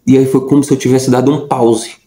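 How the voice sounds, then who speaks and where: A man's voice: mid-range voice, flat delivery, fairly quick, dark tone, reverberant, poor audio. A young adult man telling a personal story in a casual, rambling way, with lots of fillers and repeated words. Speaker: vlogger.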